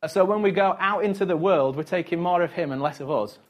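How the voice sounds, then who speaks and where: Chatty male pastor, slightly high voice. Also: fairly quick. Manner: conversational, chatty, chuckles between points. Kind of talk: sermon.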